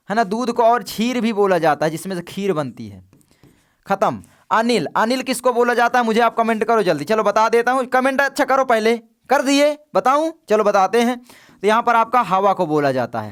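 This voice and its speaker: A man's voice: extremely high pitch, a bit bright, clean tone. A young man teaching a chatty exam revision lesson, coaxing students to answer in the comments.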